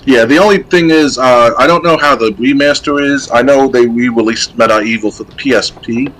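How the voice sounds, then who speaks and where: A man hosting a gaming podcast, chatting casually and nostalgically, then reading game news in a steady voice. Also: medium pitch, a little fast, a little hiss or hum, low-quality recording. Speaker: podcast host.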